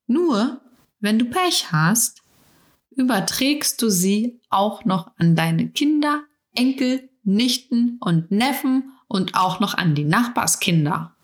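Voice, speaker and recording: A middle-aged woman speaking as a coach in a reflective monologue, talking softly and intimately and addressing the listener directly. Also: medium pitch.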